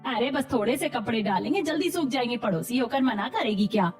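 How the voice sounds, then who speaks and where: A woman's voice: fairly high pitch, expressive, brisk, recorded from a distance, faint music behind, close to an everyday voice. A woman voicing a scheming, pushy older village woman in a cartoon, talking in a coaxing, insistent way.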